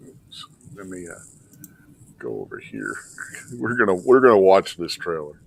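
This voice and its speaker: A man hosting a show with casual film commentary in an animated, sweary, mocking manner. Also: low voice, a little slow, vocal fry, husky, rough recording. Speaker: show host.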